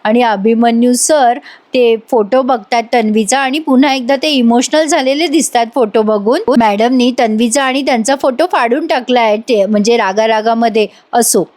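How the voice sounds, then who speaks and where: A woman's voice: a little high, darkish tone. A woman narrating a voice-over recap of a TV episode, chatting directly to her viewers. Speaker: TV episode reviewer.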